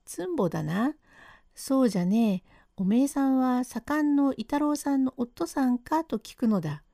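A woman voicing a blunt, rough-spoken working man in a rakugo storytelling reading. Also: high-pitched, animated, normal speed, no echo, clean studio sound. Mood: impatient. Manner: blunt, gruff, shouting explanations.

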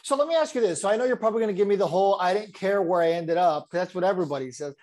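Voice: mid-range voice, rapid-fire, darkish tone. A young adult interviewer asking casual, leading questions in a sports chat.

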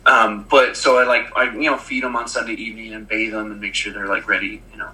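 A man's voice: on the low side, level tone, fast talker, sharp tone, rough recording. A man in his thirties co-hosting a casual chat, telling a long story with lots of fillers and restarts. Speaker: podcast co-host.

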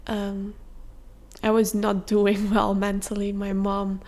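A young woman hosting a podcast and telling a personal story in a candid, confessional way, with soft fillers. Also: medium pitch, monotone, slow pace. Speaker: podcast host.

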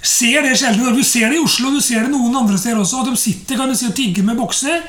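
A woman with a fairly high voice preaches a relaxed, conversational sermon. She talks loosely and casually, with lots of fillers and rhetorical asides. The room around her is echoey.

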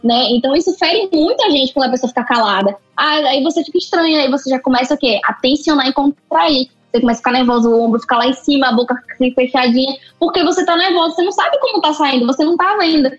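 A talkative woman with a Brazilian Portuguese accent chats as a podcast guest, her voice high and animated. The recording is dull and lo-fi. Faint music plays underneath. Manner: chatty, animated, many fillers. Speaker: photographer guest. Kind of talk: casual podcast chat.

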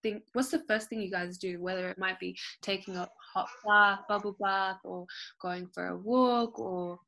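A woman's voice: medium pitch, fairly even intonation, normal speed, creaky, pushed and bright. A woman hosting a casual chat, asking encouraging, upbeat questions.

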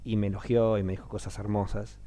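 A man's voice: on the low side, fast. A man in his thirties, a stage actor with a Rioplatense Spanish accent, talking casually in an interview and acting out the voices of people he quotes. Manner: animated storyteller, acts out quoted voices.

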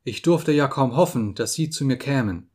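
A man reading an audiobook, voicing a gravely ill detective who speaks weakly but gives urgent orders. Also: mid-range voice, lively intonation, normal speed, a little mellow, close to an everyday voice. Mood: faint. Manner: urgent, insistent, giving orders. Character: sick feverish detective, weak but commanding.

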